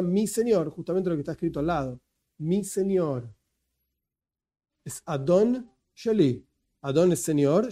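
A man's voice: fairly high pitch, dark tone. A man with an Argentine accent giving a conversational lecture as a teacher, explaining patiently and slipping in joking asides. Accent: Argentine Spanish.

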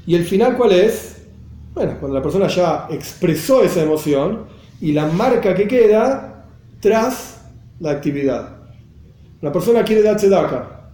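High-voiced man teaching a class. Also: lively intonation, unhurried, mellow, roomy sound. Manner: explanatory, repeats phrases, mixes in Hebrew and Yiddish terms. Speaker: Torah teacher.

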